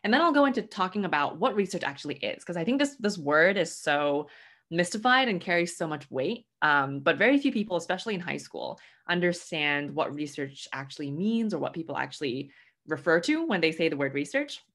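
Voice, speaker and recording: A woman's voice: low voice, big pitch swings, a little fast, fairly bright tone. A young woman from Hong Kong presenting an online webinar lecture, friendly and full of "um" fillers. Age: young adult. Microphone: webcam mic at home, video call.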